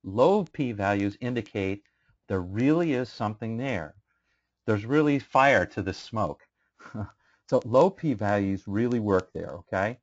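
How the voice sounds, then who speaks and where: A man's voice: lowish voice, expressive, unhurried. A male instructor giving a casual statistics lecture, asking students questions and using many fillers. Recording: muffled lo-fi classroom recording.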